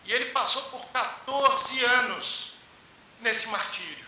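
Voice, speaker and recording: High-voiced man lecturing in an echoey hall. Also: bright, forceful tone. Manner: measured, emphatic pauses. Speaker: spiritist lecturer. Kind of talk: spiritual lecture storytelling. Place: lecture hall at a public meeting. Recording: echoey hall with faint hiss.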